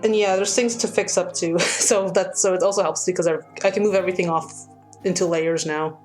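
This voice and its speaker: A woman's voice: fairly low pitch, steady tone, brisk, darkish tone, soft background music. Laid-back young woman explaining her painting. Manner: explains her process loosely, laughs often, swears casually. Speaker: artist streaming her painting. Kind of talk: casual chat while painting.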